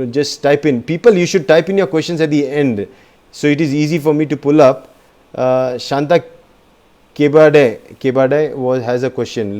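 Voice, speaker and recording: A man of middle pitch hosts a live-stream business talk. He is chatty and effusive, and he often pauses on fillers. He is full of praise and thanks. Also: a little mellow.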